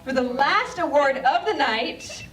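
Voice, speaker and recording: A woman's voice: high voice, expressive, measured pace, heavy background noise. A woman presenting awards on stage, playful and jokey. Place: event hall with a crowd. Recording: distant echoey hall with loud music and crowd.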